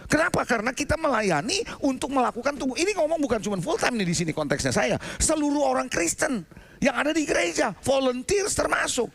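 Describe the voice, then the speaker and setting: Male pastor, high and lively voice, sermon with loud bursts. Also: a little fast, vocal fry. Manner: animated storytelling with sudden loud outbursts. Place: church sanctuary.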